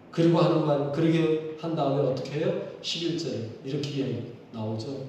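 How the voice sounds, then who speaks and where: Man preaching in an echoey church hall. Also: fairly high pitch. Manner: animated, asks the congregation many rhetorical questions. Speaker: pastor. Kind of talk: sermon. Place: church sanctuary during a service. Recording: echoey hall from far off, faint noise.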